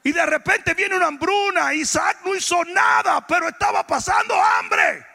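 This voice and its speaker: A man, a pastor, preaching a sermon, often shouting his points and joking with the congregation. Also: very high voice, moderate pace, creaky, in a large hall. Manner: preaching with shouted emphatic lines and joking asides.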